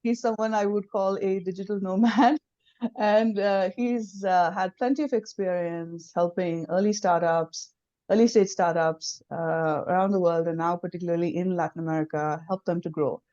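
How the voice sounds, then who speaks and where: A middle-aged woman hosting a live interview over a video call, introducing guests in a measured way with many fillers. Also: fairly low pitch, steady tone, dark tone. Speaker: host. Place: small home room. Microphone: webcam on a video call. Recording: dull lo-fi video call audio.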